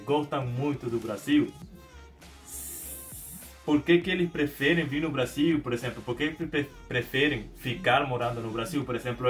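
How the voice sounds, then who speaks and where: A young man from Venezuela with a Venezuelan Spanish accent, a Spanish native speaker, talking casually to camera in a small room at home, hesitant with many restarts and repeated words. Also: mid-range voice. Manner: animated hand gestures. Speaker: YouTuber.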